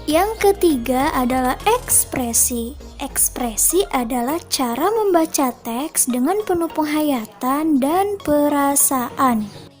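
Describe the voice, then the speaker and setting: A woman teacher giving a lesson and then reading a story aloud, speaking clearly and deliberately. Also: sits high, a little mellow. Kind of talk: classroom lesson and storybook narration.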